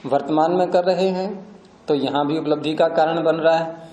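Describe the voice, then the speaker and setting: A man's voice: on the high side, fairly even intonation, normal speed, mellow. Patient male teacher in an echoey room. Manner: patient, repeats and rephrases terms, asks and answers his own questions. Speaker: teacher of Sanskrit philosophy. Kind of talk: explanatory class lecture.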